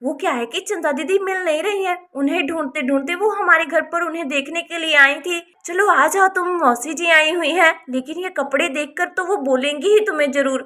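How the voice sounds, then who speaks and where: A woman's voice: very high voice, brisk, hardly any pauses, sharp tone. A woman voicing a kind, caring young village woman in a doll story, speaking politely and soothingly. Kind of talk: Hindi doll-story voice acting.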